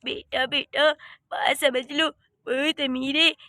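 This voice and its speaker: A woman's voice: high-pitched, steady tone, slow pace, sharp tone, no room sound, studio quality, heavily acted. A woman voicing a vain, bossy old grandmother in a cartoon, haughty and teasing. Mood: coaxing.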